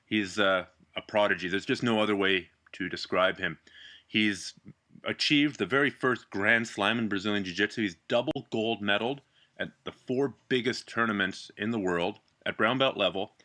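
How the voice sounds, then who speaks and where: A man's voice: on the low side, moderate pace, pushed and bright. A man hosting an interview in a casual, enthusiastic way, speaking. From Canada. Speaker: podcast host.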